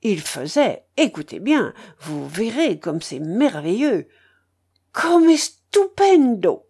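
A woman's voice: fairly low pitch, sing-song, slow pace, a little mellow, exaggerated voice. A woman playing a pompous old Italian singer. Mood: exalted. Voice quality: tremulous, hoarse when singing. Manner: pompous, theatrical, sprinkles Italian phrases. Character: boastful old Italian male ex-opera singer.

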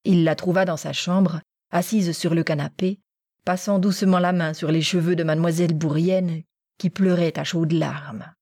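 A woman narrating a classic novel in an even, measured reading. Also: fairly low pitch, dry recording, studio quality. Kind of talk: scripted audiobook narration.

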